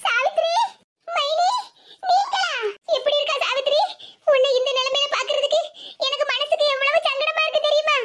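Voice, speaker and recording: A woman's voice: very high-pitched, steady tone, brisk, few pauses, pushed and bright, a little hiss or hum. A woman voicing a melodramatic older mother-in-law with a Kanyakumari Tamil accent, in a cartoon. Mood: gushing.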